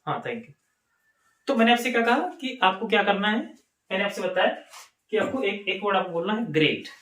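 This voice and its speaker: A man's voice: high-pitched, animated, fairly quick, fairly bright tone. A man with an Indian accent teaching an English lesson to a class, asking questions and answering them himself. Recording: echoey room.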